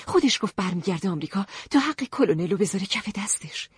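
A man's voice: sits high, expressive, breathy edge, no room sound, studio quality, voice pushed up, exaggerated voice. A man voicing an anxious young noblewoman in a storybook reading, speaking urgently. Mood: worried.

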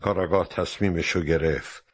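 A man narrating a storybook in a steady, expressive reading voice. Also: deep voice, no echo.

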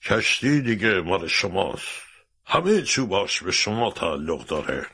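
A man voicing a hot-tempered ship captain in a storybook reading, shouting raised and high. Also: breathy edge, heavily acted. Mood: placated. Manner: shouting angrily, then calmer.

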